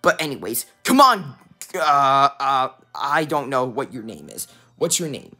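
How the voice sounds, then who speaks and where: A young fan voicing a calm, matter-of-fact dark-world twin of a puffball hero who explains the situation. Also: mid-range voice, a little slow, faint music behind, heavily acted.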